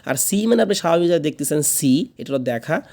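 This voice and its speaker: A man teaching an English class, with Bengali as his first language. He is patient and repeats each word slowly so learners can drill it. His voice sits a little high and sounds warm and mellow. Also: expressive, creaky. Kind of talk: classroom lesson.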